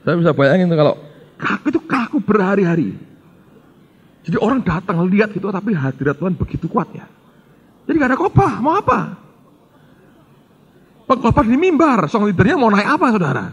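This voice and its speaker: A man's voice: sits high, big pitch swings, fairly quick, long pauses, slightly rough, lo-fi sound. A middle-aged male pastor, telling a story in a sermon and acting out the dialogue while addressing the congregation.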